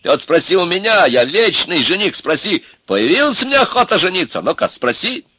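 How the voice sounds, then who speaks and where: A man's voice: a little high, big pitch swings, slow pace, slightly rough, no room sound, pitched above the performer's own voice, full character voice. Figure: a man doing brash, hot-tempered Ivan. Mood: boastful. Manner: loud, blustering, folksy.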